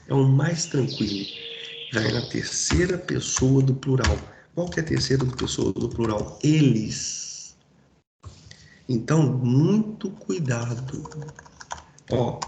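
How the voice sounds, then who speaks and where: A man's voice: mid-range voice, animated, a little slow, creaky, roomy sound, background noise. A man teaching a Portuguese grammar lesson in a casual, informal way, checking in with his students often. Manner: informal, addresses students directly with frequent checks.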